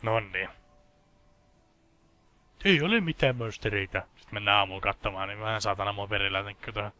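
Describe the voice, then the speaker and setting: A man's voice: fairly low pitch, bright, forceful tone, dry recording. Sarcastic young man commenting on gameplay. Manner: sarcastic, swearing, joking. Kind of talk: casual let's play commentary.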